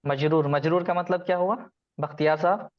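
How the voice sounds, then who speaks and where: A man's voice: on the high side, steady tone, brisk, lo-fi sound. Patient male teacher quizzing his class. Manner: patient, quizzes students by name. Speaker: Arabic grammar teacher. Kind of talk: online class lecture.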